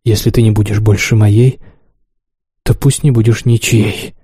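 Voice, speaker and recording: A man's voice: medium pitch, fairly quick, mellow, breathy edge, no room sound, studio quality. A man voicing a desperate, jealous young lover who pleads and threatens with passion. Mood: impassioned.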